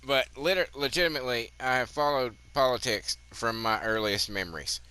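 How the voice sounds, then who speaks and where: A man's voice: mid-range voice, fairly quick, sharp tone, clear, resonant tone. A man in his fifties hosting his gaming channel, rambling profanely in casual commentary, his voice a bit muffled by a cigarette. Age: 50s. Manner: rambling, profane, chatty asides.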